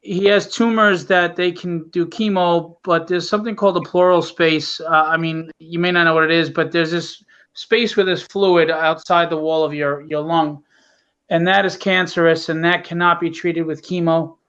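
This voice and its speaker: This comic book writer and publisher talks about his project as an interview guest, in a casual, earnest, candid way meant to promote and explain it. His tone is steady, clean, and fairly bright, his pace moderate, and the call audio is dull and low-fidelity.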